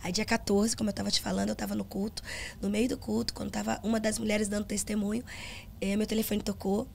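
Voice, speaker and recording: A woman's voice: medium pitch, little pitch movement, fast, creaky, a little hiss or hum. A middle-aged woman, a gospel singer and pastor, telling a personal testimony on a podcast in an earnest storytelling manner and acting out the dialogue.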